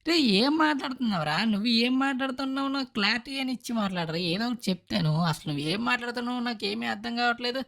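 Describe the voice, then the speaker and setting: A woman doing a fast-talking, fussing uncle. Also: on the high side, creaky, fairly bright tone. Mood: coaxing. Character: caring uncle character, cheerful and fussing. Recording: game music in background.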